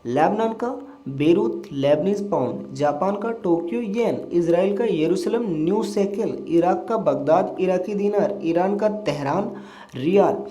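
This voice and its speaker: A male teacher reciting a quick revision list for a lesson, rattling items off one after another with fillers. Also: high-pitched, warm tone.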